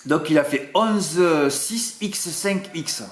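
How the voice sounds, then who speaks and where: In an echoey room, a man from southern France gives a casual monologue as a horse racing tipster, his Marseille accent carrying a chatty, self-mocking style full of little asides. His voice is a little high and his pace slow.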